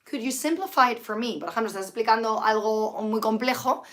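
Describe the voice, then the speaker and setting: Hoarse woman teaching English. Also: on the high side, fairly quick. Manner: chatty, mixes Spanish and English, reads out viewer comments. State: sick with flu, tired. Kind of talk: live-streamed English lesson.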